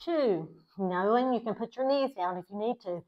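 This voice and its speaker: A woman yoga instructor leading a class in calm, encouraging, short step-by-step cues timed to the breath. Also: medium pitch, normal speed. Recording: dull, lo-fi sound.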